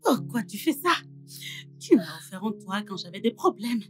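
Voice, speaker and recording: Over soft background music, a woman dubbing in French plays a jealous, scheming young woman who mocks and then betrays her best friend. She sounds very animated yet close to everyday, a little mellow, at a moderate pace, becoming shrill when screaming.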